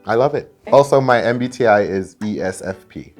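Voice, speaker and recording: A man from the United States, an actor chatting casually on a panel, animated and quick to laugh. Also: on the low side, soft background music.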